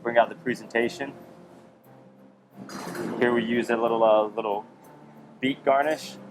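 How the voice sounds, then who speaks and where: A man's voice: mid-range voice, fairly even intonation, measured pace, music in the background, rough recording. A man working as a chef, walking through a cooking demonstration step by step with easy fillers.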